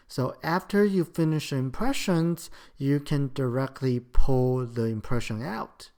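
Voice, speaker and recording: A dental school lecturer explaining implant techniques in a measured, explanatory way, with slightly non-native phrasing. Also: mid-range voice, a little mellow. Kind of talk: recorded lecture.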